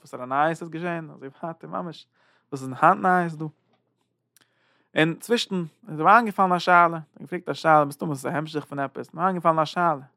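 A man teaching a Zohar lesson, halting and repeating words, swinging between loud and soft. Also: on the high side, gravelly, no room sound, studio quality. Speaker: Torah teacher.

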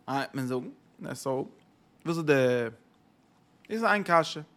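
A man's voice: mid-range voice, animated, takes it slowly, a bit bright. A male religious teacher lecturing on a text, asking rhetorical questions, repeating phrases and mixing in English words.

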